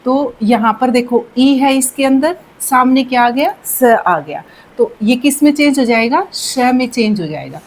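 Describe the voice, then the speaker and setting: A woman's voice: high voice, unhurried, poor audio. A woman teaching Hindi grammar in a patient classroom manner, repeating key words and checking in often. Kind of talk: slow, deliberate classroom explanation.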